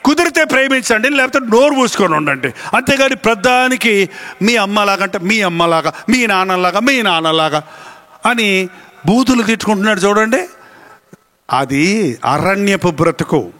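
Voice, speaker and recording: Male pastor, high bright voice, animated sermon delivery. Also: normal speed. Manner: animated preaching, acts out voices of family members.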